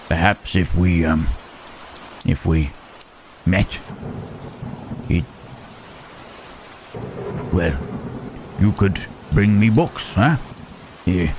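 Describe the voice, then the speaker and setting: Man voicing deep, halting Frankenstein's Monster. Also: a little mellow. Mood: shy, tentative. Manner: halting, hesitant, repeats words, murmured tag questions. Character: lonely, humble, gentle-hearted male monster, Frankenstein's creature. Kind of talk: slow intimate ASMR roleplay acting. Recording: rain and thunderstorm noise behind. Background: rain and thunder.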